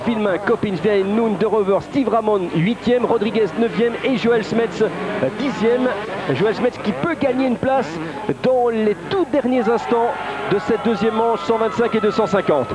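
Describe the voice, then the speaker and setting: A man's voice: high voice, a little slow. A man giving live motorsport race commentary, with hesitant phrasing and repeated positions and names. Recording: dull broadcast audio over crowd and engines.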